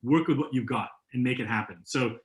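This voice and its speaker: A man speaking as a guest in a webinar, talking casually with quick asides and restarts over a video call. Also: mid-range voice. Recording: roomy echo.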